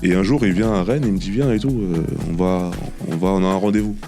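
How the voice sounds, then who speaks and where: A former professional footballer chatting as a guest, telling animated anecdotes and repeating himself often. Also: male voice, sits low, quick pace, soft background music. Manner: animated anecdotes with many repetitions and "tu vois". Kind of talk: casual storytelling interview.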